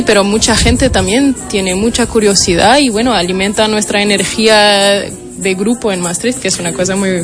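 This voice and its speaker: Young portuguese-accented woman being interviewed, stops to find words, music going behind her. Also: mid-range voice. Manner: hesitant, searching for words. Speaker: interviewee, tuna member.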